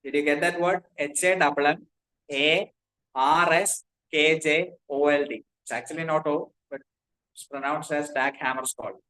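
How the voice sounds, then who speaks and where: Indian English male tutor, slightly high voice, dictates and spells each word for students to copy. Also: steady tone, normal speed, pushed and bright, low-quality recording. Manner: spells words out letter by letter, repeats himself. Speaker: teacher. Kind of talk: classroom lecture dictating notes.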